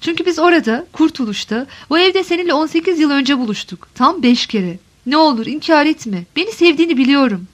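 In an audiobook of a literary novel, a female narrator plays a desperate middle-aged wife voicing her longing in a high, tender register. The reading is insistent and expressive, a little fast with hardly any pauses, full of pleading and deep emotion.

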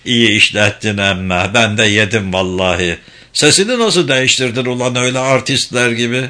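A blind old village father, gruff and foul-mouthed, who bellows his words loud and slow, as a male reader plays him. His bright, hard-edged voice booms over the narration. He is a storybook character with a rough country temper. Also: lightly acted. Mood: chuckling teasing. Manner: bellowing, cursing, then chuckling. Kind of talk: storybook reading.

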